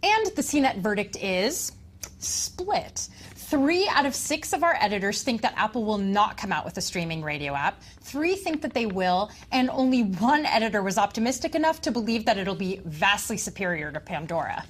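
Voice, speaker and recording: Upbeat, lively woman tech co-host. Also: mid-range voice, fairly quick, hardly any pauses, slight background noise. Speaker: co-host of a tech rumor show. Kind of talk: scripted show hosting.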